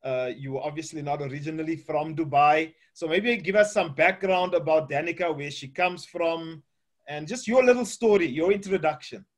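A man's voice: fairly high pitch, moderate pace. A man hosting an interview over a video call from his home office, chatty and full of "uh, you know". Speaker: host. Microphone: webcam on video call.

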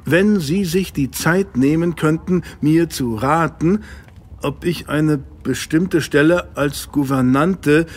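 An actor playing a good-natured, flustered gentleman doctor, earnest and loyal, in a German audio drama. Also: a little high, slow. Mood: reading aloud. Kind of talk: German radio-play acting.

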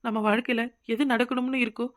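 A woman voicing a cartoon role, talking in a gentle, coaxing, consoling way. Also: a little high, level tone, quick pace. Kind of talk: cartoon voice acting.

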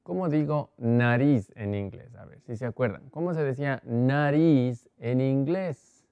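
Slow, patient male language teacher. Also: mid-range voice, clean tone, dry recording, phone-quality sound. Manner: slow, patient, repeats each word. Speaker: English teacher. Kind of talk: televised language lesson for Spanish speakers.

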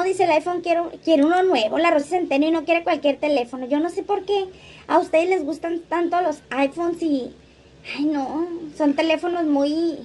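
High-voiced chatty woman streaming live. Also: darkish tone. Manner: chatty, laughs often, reads comments aloud. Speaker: livestream host. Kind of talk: casual livestream chat reading comments.

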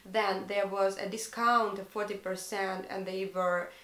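In an echoey bedroom, a young adult fashion vlogger from Russia speaks English with a Russian accent in a mid-range, somewhat bright voice. Her delivery is flat and unhurried as she earnestly talks through her haul, now and then searching for the right English word.

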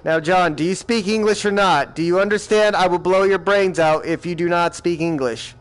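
A man's voice: high-pitched, normal speed, smooth. A man playing a villain boss in a comedic gaming session, talking in a mock-stern, exasperated way. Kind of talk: comedic gaming role-play.

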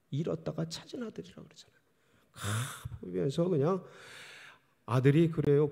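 A middle-aged male pastor preaching a sermon in a church, telling the story with animated delivery. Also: fairly low pitch, creaky. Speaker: senior pastor. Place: church sanctuary. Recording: long church hall reverb.

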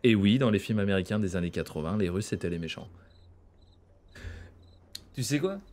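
A man's voice: on the low side, animated, moderate pace, darkish tone. A man casually commentating a horror game, chatty and joking with slang and asides. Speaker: gaming streamer. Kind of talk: let's play commentary.

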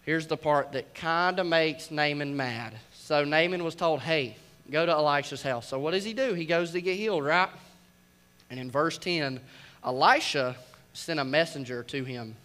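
A young man preaches to a kids' service in a loose, slangy way, tossing in goofy sound effects. His voice sits fairly high and comes across bright and forceful. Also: moderate pace. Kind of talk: youth sermon.

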